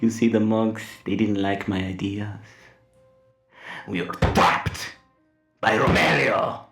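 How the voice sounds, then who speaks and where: A man acts out a scheming cult villain for a tabletop game. The voice is creaky and echoes in the room. He delivers his monologue theatrically, smug and playful, toying with whoever listens. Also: fairly low pitch, takes it slowly, fairly bright tone, far from the mic, soft background music, heavily acted. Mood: bitter, confiding. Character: scheming male cult villain, gloating, smugly playful, unhinged. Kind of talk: improvised tabletop role-play. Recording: roomy, echoing sound.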